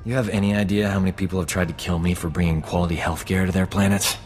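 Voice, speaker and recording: Actor as cocky, low-voiced space doctor, reverberant. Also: male voice, steady tone, quick pace, darkish tone, natural voice. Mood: cocky, boastful. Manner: smug, flirtatious, self-assured banter. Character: cocky, flirtatious male frontier doctor, smooth-talking adventurer. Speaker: video game companion character. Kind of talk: video game voice acting. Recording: long hall reverb, game music underneath.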